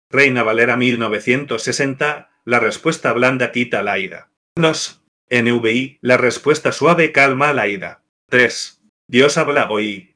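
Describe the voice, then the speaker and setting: A man reading a scripted devotional explainer in a measured, list-like way. His pitch jumps up or down each time he reads out a number. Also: pushed and bright. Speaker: narrator.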